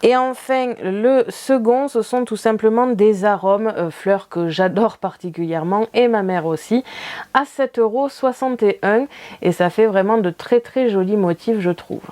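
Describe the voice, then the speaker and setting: A woman hosts a casual crafting haul, talking the viewer through each item with frequent fillers and little laughs. Her voice sits at an ordinary pitch with a dark, mellow tone. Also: a little slow. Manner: chatty, many fillers, light laughs. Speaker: craft channel host.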